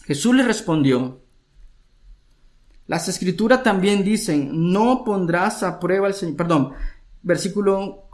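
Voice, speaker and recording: A man preaching a sermon as a pastor, earnest, asking many questions and slowing down to stress his points. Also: high-pitched.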